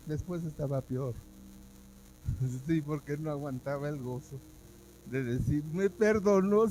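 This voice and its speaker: A man's voice: a little high, warm tone, slight background noise, rough recording. A man, a pastor giving a sermon at a church service, telling his own testimony with feeling and acting out what he once said. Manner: emotional storytelling, acting out his own past words.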